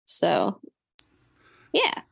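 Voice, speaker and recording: A woman's voice: drawn-out words, fairly bright tone, no echo. A young adult woman, an actor, talking casually about her craft, full of "um" and "like". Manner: chatty, many fillers like "um" and "like". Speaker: actor and guest. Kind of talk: casual interview chat.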